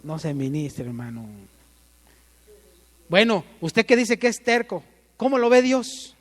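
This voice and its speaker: A man's voice: high voice, big pitch swings, a little slow, fairly bright tone, long reverb tail. A man with a Mexican accent preaching a sermon, asking the congregation questions and calling for amens.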